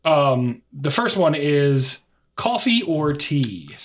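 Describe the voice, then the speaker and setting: A man co-hosting a podcast in casual chat, joking and swearing, halting with fillers. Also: a little high, sing-song. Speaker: podcast co-host.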